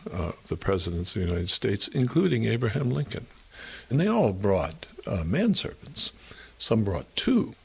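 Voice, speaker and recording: Older male author, very low gravelly voice, halting and emotional, documentary interview. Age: 60s.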